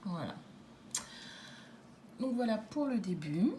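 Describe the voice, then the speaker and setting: A woman presenting a handmade scrapbook album in a casual way, pausing often with fillers and restarts. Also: medium pitch, sing-song, mellow, a little hiss or hum. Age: adult with a daughter. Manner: hesitant, many fillers and restarts. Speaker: scrapbooking vlogger. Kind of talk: casual craft show-and-tell.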